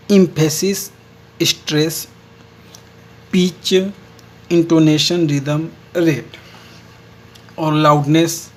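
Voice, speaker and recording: A man teaching a lesson and explaining each point step by step. He often repeats key words and restates them. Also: sits high. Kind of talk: lecture on speech errors.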